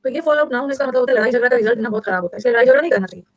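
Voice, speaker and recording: Fast-talking energetic woman teacher. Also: no room sound. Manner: energetic, repetitive, with sudden high-pitched emphasis. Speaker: English vocabulary teacher. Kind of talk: classroom lecture drilling vocabulary with mnemonics. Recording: dull lo-fi dry recording.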